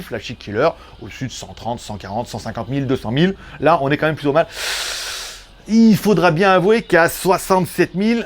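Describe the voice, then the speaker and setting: Male tech reviewer, casual and jokey, slightly high voice with a very lively pitch. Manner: chatty, joking, lots of fillers.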